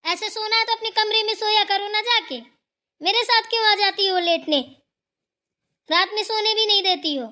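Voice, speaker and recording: Young cartoon bahu voiced by a woman, shrill and whiny, very high. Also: moderate pace, bright, forceful tone. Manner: complaining, whiny. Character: whiny young sister-in-law, quarrelsome.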